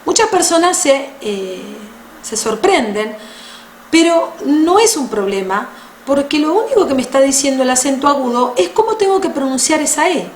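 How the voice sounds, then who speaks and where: A woman with a high voice gives a patient French lesson, lingering over each sound. Her pitch rises and falls a lot as she explains. The room echoes, with a faint hiss and keyboard clicks behind her. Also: sing-song. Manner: patient, slow, spells out sounds. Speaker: French teacher. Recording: roomy echo with faint noise.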